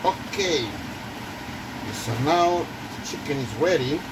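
With a slightly high, expressive voice, a man gives a casual cooking demonstration in a small home kitchen indoors. He speaks halting non-native English, often starting over. A camera mic across the kitchen records him, and a clear background hum can be heard.

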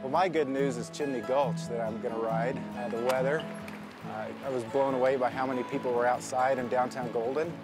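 A man's voice: medium pitch, steady tone, brisk, over loud music. A man giving a casual, easygoing street comment outdoors, with some hesitations. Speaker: interviewee. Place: outdoors in a town.

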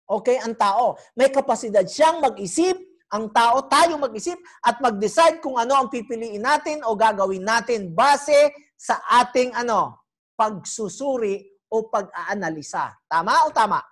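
A woman preaching a sermon. She is animated and teasing, and keeps quizzing the congregation. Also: on the high side, normal speed. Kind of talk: sermon teaching.

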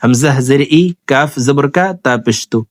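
A man teaching scripture reading who spells out each word, then chants it in a slow, drawn-out way between brisk explanations to his viewers. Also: medium pitch, dry recording, clean studio sound. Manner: addresses viewers directly. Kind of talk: spelling-out recitation lesson.

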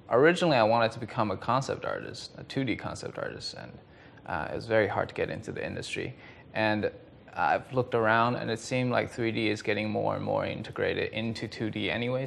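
A young man from China giving a relaxed student testimonial, telling his story with fillers. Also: on the low side, creaky, slight background noise. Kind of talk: casual testimonial. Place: indoor studio.

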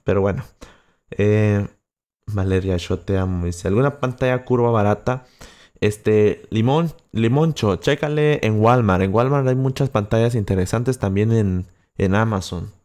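A young man from Acapulco, speaking with a coastal Guerrero Mexican accent, hosts a livestream and casually answers chat with many fillers and restarts. His voice is fairly low, a little slow, and darkish in tone, recorded close to the microphone.

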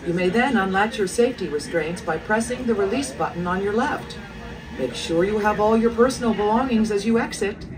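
A woman giving a calm recorded safety announcement, played over a loudspeaker. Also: mid-range voice, brisk, far from the mic, rough recording. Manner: calm, even, instructive.

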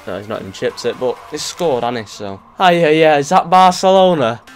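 A young man commentating his football video game in an excitable, jokey way, swearing often and breaking into sudden shouts. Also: on the high side, fairly quick, soft background music. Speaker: gaming youtuber.

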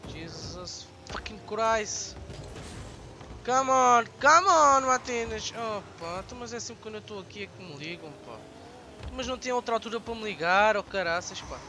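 A young man with a European Portuguese accent commenting on his gameplay, swearing and shouting at the game. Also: high voice, expressive, normal speed, a little hiss or hum. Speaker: gaming YouTuber.

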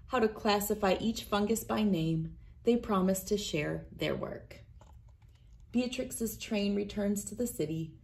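In a wood-panelled room with big windows, a read-aloud host in her thirties shares a children's picture book. She reads deliberately and expressively, like a storyteller, in a medium-pitched voice.

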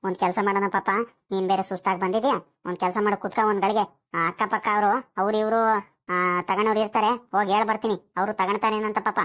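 A woman voicing a fussy, scolding old village grandmother in an animated comedy. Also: medium pitch, a little fast, natural voice. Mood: coaxing. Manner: scolding, fussy, calls others "kalla paapa".

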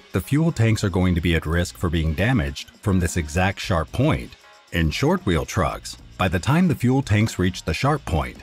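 A man reading a scripted voice-over narration in a steady, informative explainer manner. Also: sits low.

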